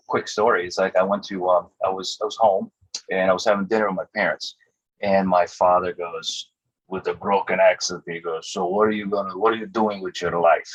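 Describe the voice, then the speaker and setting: Guy with a low husky voice telling band stories, acts out the quotes, kinda muffled lo-fi audio. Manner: animated storyteller acting out quotes, laughs often. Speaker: musician guest. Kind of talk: casual interview storytelling. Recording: dull lo-fi audio.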